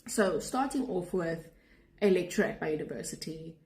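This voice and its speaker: Her voice is fairly low and darkish, with lively intonation at normal speed. A young South African student abroad, she speaks with a South African accent and talks straight to viewers in a sarcastic, indignant vlog rant.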